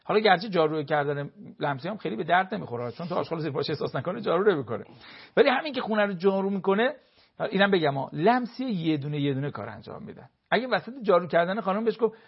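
Husky man counseling with lively examples. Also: sits high, lo-fi sound. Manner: lively, acts out spouses' remarks in quotes. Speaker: family counselor. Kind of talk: explanatory talk with everyday examples.

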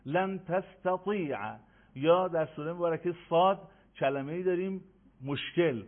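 A man teaching Quran recitation in an online lesson, slowly drilling letter sounds for listeners to repeat. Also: fairly high pitch. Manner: slow, emphatic drilling of sounds for repetition. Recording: tinny phone-like audio.

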